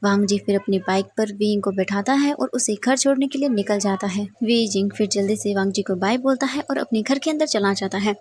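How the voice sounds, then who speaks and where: A woman retelling a fan fiction story in steady, plain narration. Her voice is breathy at a middle pitch. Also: brisk, few pauses. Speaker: fanfiction storyteller.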